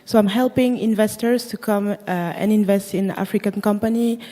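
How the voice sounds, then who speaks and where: A woman's voice: mid-range voice, fairly even intonation, moderate pace, warm tone. A woman from Senegal working as an investment consultant, introducing herself briefly and matter-of-factly at a conference. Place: large conference hall stage. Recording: long hall reverb.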